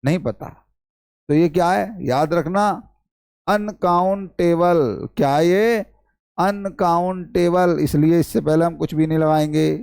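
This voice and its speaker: A man's voice: on the high side, moderate pace, gravelly, darkish tone, smooth, dry recording, clean studio sound. A man teaching an English lesson, quizzing students and repeating key points. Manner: repetitive questioning, addresses students as brother. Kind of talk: classroom-style lesson.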